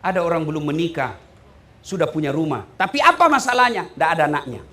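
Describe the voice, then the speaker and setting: Lively man preaching. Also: on the high side, quick pace. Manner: animated, bursts of loud emphasis, sings song snippets. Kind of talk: humorous sermon.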